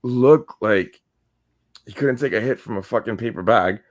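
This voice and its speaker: With a fairly low pitch and a moderate pace, a New York man co-hosting a podcast spins profane, meandering stories. He's lively and animated as the casual conversation rolls on.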